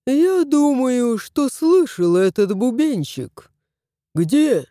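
A woman's voice: high voice, lively intonation, mellow, no room sound, studio quality, voice pushed up. A woman doing a lazy, drawling smug cat. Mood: dreamy. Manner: slow, drawling, mocking.

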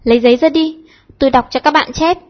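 A woman voicing a shy, flustered teenage boy who writes poems, hesitant and bashful, with a husky tone. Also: sits high, fast talker, muffled recording, natural voice.

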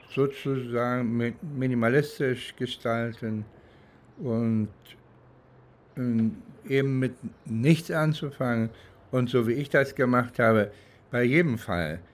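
A middle-aged man at medium pitch reflects on his work as a private detective in a documentary-style monologue that sounds unscripted. He speaks deliberately and hesitantly, searching for his words.

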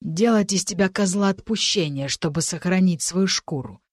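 A woman reading an audiobook, voicing a husky-voiced scarred young woman, self-assured and bitter. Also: fairly low pitch, normal speed, dry recording, studio quality, close to an everyday voice.

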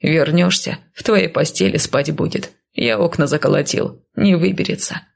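A woman voicing a gruff, irritated male comrade in whispered role-play. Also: low voice, normal speed, voice pushed down, exaggerated voice.

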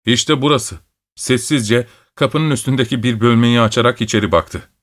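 A man reading a story aloud as an audiobook narrator, in a steady, measured storytelling manner. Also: mid-range voice. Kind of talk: scripted narration.

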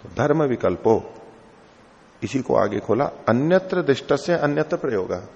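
A man's voice: medium pitch, big pitch swings, measured pace, a little mellow. Man lecturing in a reverberant hall. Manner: patient, repeats and unpacks each term. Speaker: teacher of philosophy. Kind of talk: explanatory lecture on a classical text. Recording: lo-fi hall recording with long reverb.

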